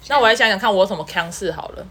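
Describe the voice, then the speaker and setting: A woman, co-hosting a casual podcast chat and telling stories quickly with giggles. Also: mid-range voice, fairly bright tone, slightly rough. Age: 30s. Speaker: podcast co-host.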